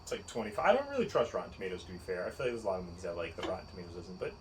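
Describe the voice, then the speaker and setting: A man co-hosting a podcast in casual chat, animated and incredulous, laughing often. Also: low-pitched, rapid-fire, a little hiss or hum, poor audio. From United States. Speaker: podcast co-host.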